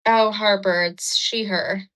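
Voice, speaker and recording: A Ukrainian livestream host speaks slowly in a medium-pitched, steady, slightly bright voice. She laughs and chats with viewers while doing her makeup at a mirror indoors, and the stream is recorded on a phone.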